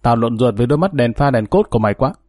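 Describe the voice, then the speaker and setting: A man's voice: mid-range voice, expressive, racing, a little mellow, no room sound, studio quality, close to an everyday voice. A man reading an audiobook, voicing a hot-headed, scornful young male thug. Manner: scornful, snarling.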